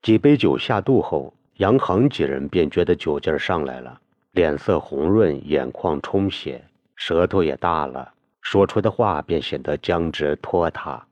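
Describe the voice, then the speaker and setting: Man, audiobook narrator, very deep voice, lively intonation, dry close sound. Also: measured pace, no room sound. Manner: storytelling, expressive.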